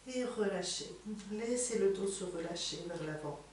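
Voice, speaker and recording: A woman teaching yoga in a soothing, unhurried, gently encouraging manner, giving slow guided instructions. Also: medium pitch, expressive. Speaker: yoga teacher leading a morning class. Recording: echoey room, distant mic, faint noise.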